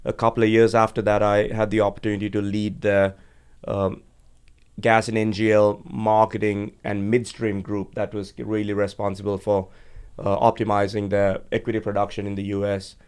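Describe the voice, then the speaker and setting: A Sri Lankan-born energy executive in his forties speaks as a guest in a conversational interview at a podcast studio. His low, steady voice is smooth and resonant with little rise and fall, and he tells his story in a measured way, often pausing on fillers.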